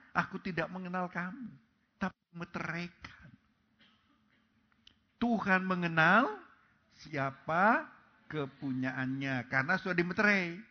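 A man preaching a sermon, swinging between loud calls and soft, low phrases. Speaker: pastor. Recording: dull lo-fi recording.

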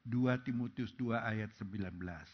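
A man preaching a sermon, swinging between loud calls and soft, low phrases. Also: moderate pace. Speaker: pastor. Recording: dull lo-fi recording.

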